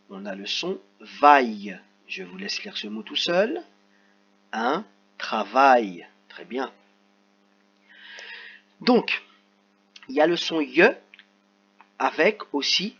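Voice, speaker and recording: A man teaching a reading lesson to young children, sounding out letters and stretching words slowly. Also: a little high, big pitch swings, fairly bright tone, husky. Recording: slightly dull lo-fi sound.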